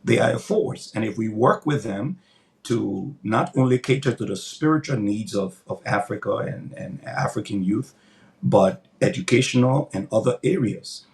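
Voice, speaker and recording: An older man, a pastor, gives earnest, emphatic interview answers with a preaching cadence, often repeating words as he builds his points. His mid-range voice is creaky and darkish at a moderate pace.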